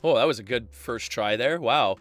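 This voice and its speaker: A man's voice: medium pitch, normal speed, a bit bright, soft background music. A Canadian man chatting casually on his live game stream through a headset, full of fillers and laughs.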